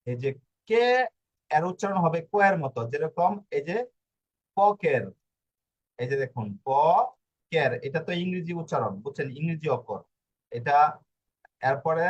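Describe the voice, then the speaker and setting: A man teaching an online language lesson, explaining slowly with many fillers and restarts. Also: medium pitch, lo-fi sound.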